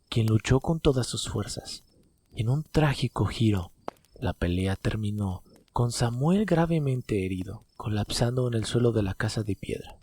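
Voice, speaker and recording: Dark, husky male horror storyteller. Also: on the low side. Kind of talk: dramatic horror story narration.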